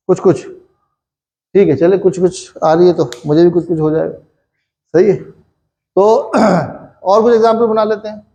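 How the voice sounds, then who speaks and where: High-voiced Pakistani man teaching Japanese. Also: dark tone, lo-fi sound. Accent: Urdu-speaking Pakistani. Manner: chatty, repetitive, with many "thik hai" checks. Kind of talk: classroom grammar lesson.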